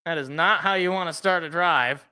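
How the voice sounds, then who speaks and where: A man doing casual live play-by-play football commentary, reacting as he goes and moving between excited calls and muttered asides. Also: fairly high pitch, moderate pace, clean tone.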